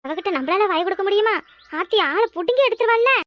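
A woman's voice: extremely high pitch, animated, quick pace, a bit bright, dry recording. A woman with a southern Tamil accent from Kanyakumari voicing a fretful young village wife in a cartoon. She complains and laments, often exclaiming to herself. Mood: lamenting. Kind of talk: cartoon voice acting.

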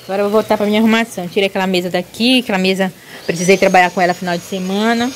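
A woman from Belém with a Paraense accent, chatting casually to her viewers in a home vlog, lively and quick to exclaim, filmed on a handheld phone around her yard and rooftop. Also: mid-range voice, slight background noise. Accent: Paraense Brazilian Portuguese. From Belém, Pará, Brazil. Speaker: vlogger.

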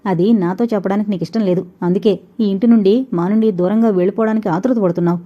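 A woman voicing an older man in a storybook reading, speaking in a calm, kind, persuading way. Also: medium pitch, fast, dull audio, natural voice. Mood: gentle. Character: older man, a gentle concerned elder.

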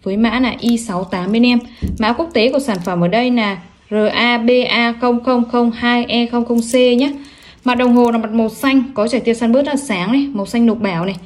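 A woman gives a salesy online product pitch at a brisk, rapid clip. Her voice sits a little high. She lists specifications and prices and keeps stressing selling points with emphatic praise. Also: fairly even intonation. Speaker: online watch seller presenting products. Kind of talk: sales product showcase, listing specs and prices.

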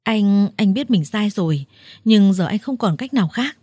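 A woman's voice: medium pitch, animated, moderate pace, dark tone, slightly rough, no echo, clean studio sound. A woman voicing a broken seventy-year-old man who pleads in a weak, trembling voice.

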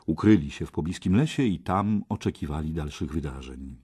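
A man reading an audiobook in calm, measured narration. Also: extremely low pitch, breathy edge. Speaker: audiobook reader. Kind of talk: scripted narration.

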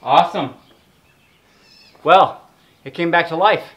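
A restoration vlogger in his thirties narrates casually to camera while working on an old machine in an open-sided metal barn, muttering to himself as he goes. His voice is fairly high-pitched and slow, with a muffled recording and background noise.

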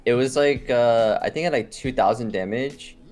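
A man's voice: medium pitch, normal speed, a little mellow, soft background music. A man chatting casually about games, laid-back and rambling, laughing often. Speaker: streamer. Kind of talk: casual gaming chat.

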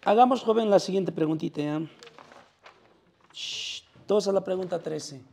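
Gravelly Peruvian math teacher quizzing students. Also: male voice, high voice, fast talker, a little mellow. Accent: Peruvian Spanish. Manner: quizzes students constantly, calling them "joven". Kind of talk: classroom math lecture. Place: classroom.

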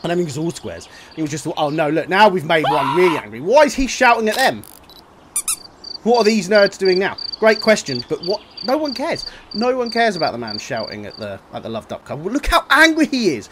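A man commentating his own playthrough of a game in an animated, joking, self-mocking way, full of exclamations. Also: high-pitched, fairly quick, noisy background. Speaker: gaming video host. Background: game music.

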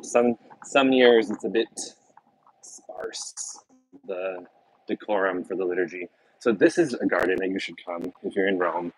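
A man's voice: low voice, breathy edge, rough recording. A man giving a casual walking tour outdoors, talking in a loose, chatty way with many fillers and restarts, recorded on a handheld camera. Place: outdoors on city streets and in a garden. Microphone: handheld phone camera, speaker off screen.

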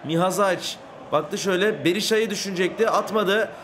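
Young man, Turkish accent, gaming commentary, excitable, frustrated outbursts, slightly high voice. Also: a little hiss or hum. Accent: Turkish from Turkey. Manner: excitable, quickly frustrated, swears mildly. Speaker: gaming YouTuber. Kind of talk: FIFA career-mode commentary.

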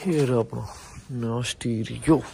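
A man's voice: mid-range voice, fairly even intonation, unhurried, gravelly, mellow, a little hiss or hum. A young man, talking chattily to viewers as he vlogs outdoors on a phone held at arm's length. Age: young adult. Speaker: vlogger. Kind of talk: casual vlog narration. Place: outdoors at a farmyard and street.

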